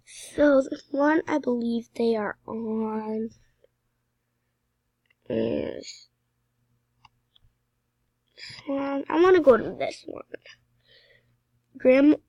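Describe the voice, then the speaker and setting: A woman giving casual, excitable commentary while playing a game, chatty and dropping into mumbled asides. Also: high voice, no room sound. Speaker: gameplay commentator.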